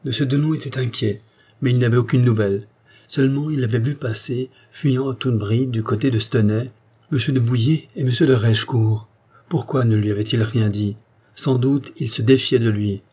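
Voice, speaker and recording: A man voicing a grave, brooding male nobleman who speaks calmly, firmly and with melancholy. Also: medium pitch, moderate pace, husky, natural voice. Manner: calm, firm and melancholy.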